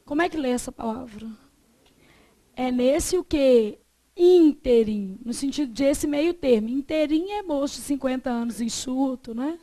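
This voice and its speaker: A Brazilian woman teaching a Portuguese class, chatty and joking, slowly drawing out the example words. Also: sits high, warm tone. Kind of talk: classroom lesson.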